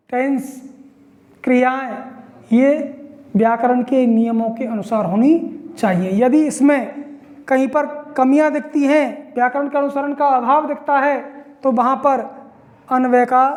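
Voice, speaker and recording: A woman's voice: high-pitched, a little mellow. A woman teacher giving an online grammar lesson, explaining step by step and answering her own questions. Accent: Hindi.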